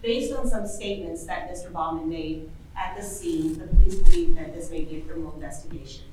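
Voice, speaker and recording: A woman's voice: fairly low pitch, very animated, a little fast. A woman attorney from Indiana making a conversational oral argument to judges in a courtroom. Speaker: defense attorney. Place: large echoing courtroom, away from mic. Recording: very echoey room, distant mic, faint noise.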